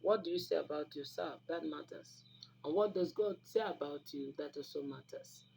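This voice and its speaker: This native Igbo speaker, whose Nigerian Igbo accent is clear, hosts an online video offering herbal remedy advice. Her low, gravelly, warm voice keeps a moderate pace as she speaks informally and instructively to viewers, preachy and emphatic, repeating phrases for stress. The recording is rough, with noticeable background noise.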